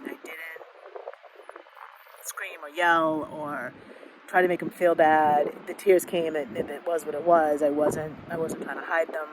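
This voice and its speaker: Woman reflecting candidly, traffic noise behind. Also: low voice. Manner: candid, halting, many fillers and restarts. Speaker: podcast host. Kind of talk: personal reflective monologue.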